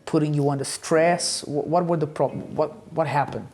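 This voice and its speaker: A male talk show host with a mellow, relaxed tone asks guests probing questions, often restarting mid-sentence. Faint music sits underneath. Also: on the high side, normal speed. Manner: probing, repeats words as he asks.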